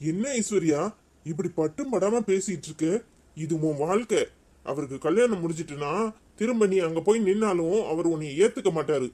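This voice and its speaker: A man's voice: fairly high pitch, expressive, normal speed, mellow. A man with a Tirunelveli Tamil accent voicing a concerned elder brother in a cartoon, talking earnestly and questioning.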